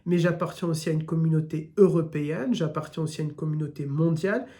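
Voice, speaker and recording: A man's voice: a little high, fast talker, warm tone. A man from France with an Occitan-tinged French accent, teaching a weekly religion lesson in short repeated phrases.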